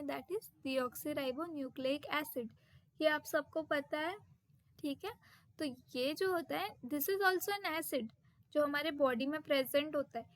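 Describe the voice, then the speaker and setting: A woman teaching a science lesson in a high, light voice, taking her time over each point. She reads the English terms out slowly and deliberately. The sound is dry and close, with no room around it. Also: a bit bright, no room sound. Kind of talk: textbook lesson explanation.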